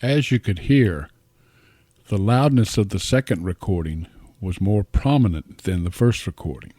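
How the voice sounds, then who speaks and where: A middle-aged or older man, an amateur radio hobbyist, gives a plainspoken microphone review in short, deliberate phrases. His mellow, low-sitting voice is close to a dynamic podcast or studio mic, with no echo, as he explains the product informally.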